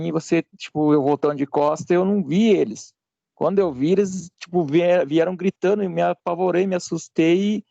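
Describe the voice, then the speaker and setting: Student, man, very gravelly and mellow, halting delivery, dry muffled call audio. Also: a little high, no echo. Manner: hesitant, halting with fillers and restarts. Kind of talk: recounting an accident in an online class.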